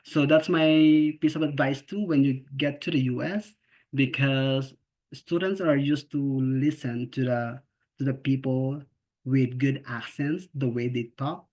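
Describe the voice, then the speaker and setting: The video call audio is lo-fi and slightly dull as a man from the Philippines, a special education teacher, talks earnestly and informally. His medium-pitched, darkish voice is steady and unhurried, with a Filipino accent from a non-English first language. He restarts and repeats words and often asks "okay?" and "right?"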